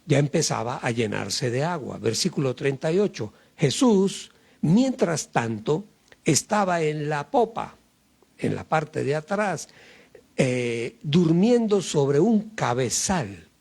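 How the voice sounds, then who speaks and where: A male pastor giving a sermon, preaching slowly and emphatically, pausing often and filling gaps with hesitant fillers. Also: fairly high pitch, very animated, vocal fry, darkish tone, husky. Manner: slow, emphatic preaching with many pauses and fillers.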